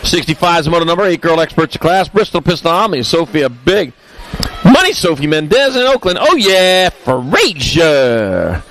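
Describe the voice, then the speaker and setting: Over a low-quality recording, a man with a high, animated, fairly bright voice announces a live race. He rattles off riders and results at speed, slipping in jokes between call-outs.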